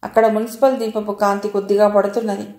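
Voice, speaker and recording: A woman reading a family drama novel aloud with steady, expressive storytelling. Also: medium pitch, fast talker, reverberant. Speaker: audiobook narrator. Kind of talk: scripted narration of a novel.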